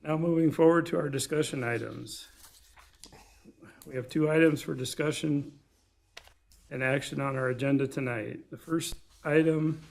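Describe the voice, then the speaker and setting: A man with a measured, gravelly delivery, speaking formally as the chair of a commission meeting. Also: on the high side, a little mellow. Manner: measured, procedural. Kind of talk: formal procedural meeting talk. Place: public meeting room.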